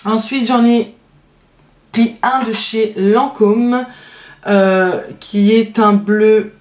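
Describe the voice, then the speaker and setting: A woman's voice: a little high, fairly even intonation, drawn-out words, darkish tone, reverberant. A woman beauty vlogger casually showing her favorite nail polishes, hesitant with lots of fillers but enthusiastic about her favorites. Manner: hesitant, many fillers and trailing "donc voilà". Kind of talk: casual show-and-tell vlog.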